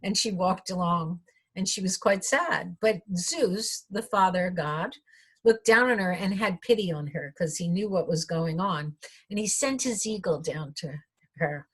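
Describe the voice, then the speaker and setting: A woman storyteller telling an ancient myth aloud, pausing for reflective asides to her listeners. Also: fairly low pitch, breathy edge.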